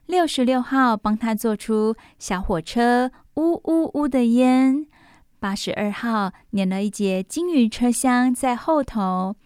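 Lady radio host reading a bedtime story like to a toddler, kinda high voice, music in back. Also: a little mellow. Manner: reading aloud as to a toddler, with simple exclamations and repeated phrases. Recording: music playing behind the voice.

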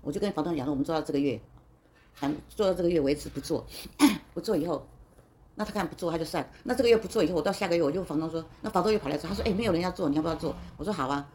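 A woman's voice: low-pitched, rapid-fire, warm tone, a little hiss or hum. A woman in her sixties in a casual interview, telling a long story in a talkative, indignant way, quoting what people said and often restarting her sentences. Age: 60s.

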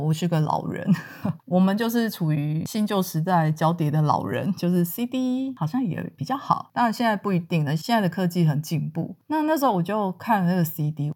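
Lady chatting through a story, lowish voice, laughs a lot, does the voices of people in it. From Taiwan. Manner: animated, laughs often, acts out quoted dialogue. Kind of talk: casual personal storytelling.

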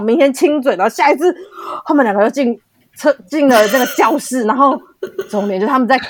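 A young adult woman chatting casually about her cram school days, quick to react and laugh. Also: a little high, no echo, studio quality. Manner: reactive, frequent laughs and gasped interjections. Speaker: podcast host, former cram school staff. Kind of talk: casual chat.

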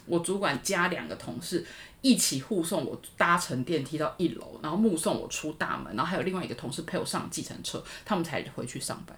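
A woman's voice: low voice, fast, few pauses. A woman, co-hosting a podcast and telling stories animatedly in casual chat. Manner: animated storytelling with frequent laughter. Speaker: podcast co-host.

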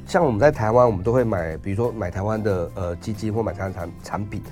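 A man with a Taiwanese Mandarin accent talks quickly as a radio guest, piling on fillers and asides while he explains. His voice sits somewhat low, and faint music plays beneath him. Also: a little mellow. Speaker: investment guest. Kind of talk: radio interview.

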